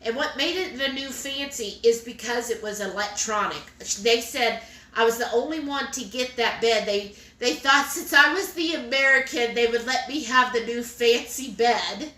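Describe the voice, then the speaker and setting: Woman co-host, bright, a bit high, chatty, echoey room. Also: normal speed, far from the mic. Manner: chatty, reads viewer comments aloud. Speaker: live stream co-host. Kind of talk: casual live-stream chat. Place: home kitchen.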